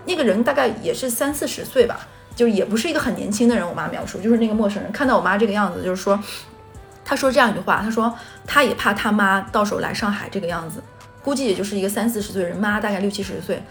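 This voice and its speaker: A woman co-hosting a podcast, telling stories in fast, animated casual chat. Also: mid-range voice, faint music behind. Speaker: podcast co-host.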